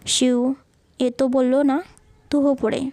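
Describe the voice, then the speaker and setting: A woman's voice: high-pitched, fairly even intonation, normal speed, warm tone, no room sound. A woman voicing a playful, doting young husband in a romance story. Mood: irritated. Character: young husband, teasing and affectionate.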